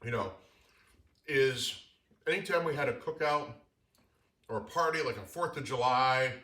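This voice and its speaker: A man's voice: medium pitch, normal speed, fairly bright tone, echoey room. A man from St. Louis hosting a casual bar show, upbeat and joking with his guest. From St. Louis, Missouri. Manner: upbeat, jokey, talks with mouth full. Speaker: host. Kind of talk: casual chat.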